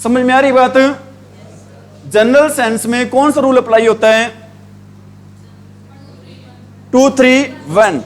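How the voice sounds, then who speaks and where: A man teaching English grammar, asking the same questions again and again and drawing out the words he spells. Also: extremely high pitch. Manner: repetitive call-and-response questioning, drawn-out spelled words. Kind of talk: classroom grammar lesson in Hindi.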